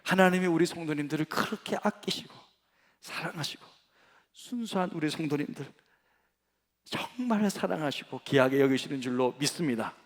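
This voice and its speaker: A middle-aged man preaching a sermon as senior pastor, telling stories in an animated way and acting out the dialogue. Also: on the high side, normal speed. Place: large church sanctuary. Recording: long church hall reverb.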